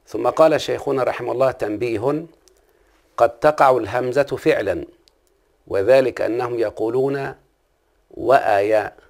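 A man's voice: mid-range voice, moderate pace, gravelly, pauses often, darkish tone. A man with an Egyptian accent teaching a classical Arabic grammar lesson, often stopping to ask his listener questions. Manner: asks the listener frequent check-in questions.

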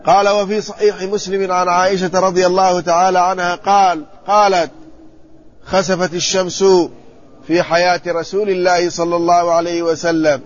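A man, an Islamic scholar, giving a measured classroom commentary on hadith and checking the text with his students. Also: sits high, little pitch movement, a little hiss or hum. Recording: muffled lo-fi recording with faint ambience.

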